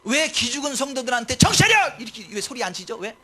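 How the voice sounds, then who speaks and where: A male pastor delivering an impassioned sermon in a high, bright, forceful voice. He fires rhetorical questions at the congregation and swings from quiet, muttered asides to ringing shouted declarations. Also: fast talker.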